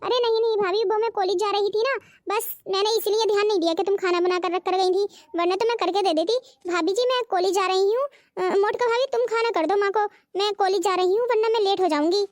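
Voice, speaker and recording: A woman's voice: very high-pitched, steady tone, fast, dry recording, studio quality. A woman voicing a sulky, demanding young college girl in a cartoon. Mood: pleading. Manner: whiny, sulky. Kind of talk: cartoon voice acting.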